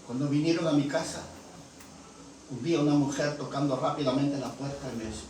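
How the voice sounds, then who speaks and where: A man's voice: mid-range voice, fairly even intonation, a little fast, darkish tone. A male pastor preaching a sermon, telling a story and acting out its dialogue. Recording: echoey hall from far off, noisy.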